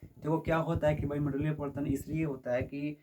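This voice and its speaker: A man with a higher-pitched, slightly mellow voice delivers a brisk, flat physics lecture, asking his students question after question to test their understanding. He is recorded from a distance, with a bit of hiss or hum.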